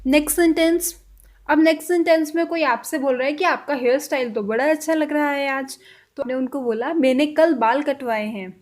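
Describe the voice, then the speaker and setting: A woman teaching a language lesson, saying example sentences slowly and repeating them with care. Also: high voice.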